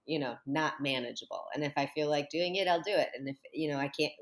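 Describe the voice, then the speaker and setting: Lower-voiced woman in an echoey room. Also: fast talker. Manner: animated storytelling with laughs and acted-out quotes. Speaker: guest, small business owner. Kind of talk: casual conversational interview.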